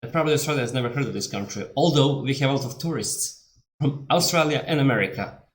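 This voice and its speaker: A reaction video host from Montenegro, a man with a Montenegrin accent whose native language is Serbian, gives casual commentary in a medium-pitched voice with lively intonation and a quick pace. He's rambling and candid, and the room is echoey.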